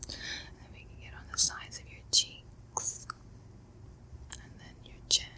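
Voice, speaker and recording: Soft-whispering woman giving a facial. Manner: soft unvoiced whisper, slow soothing guidance. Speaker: ASMR creator. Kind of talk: ASMR whispered facial role-play.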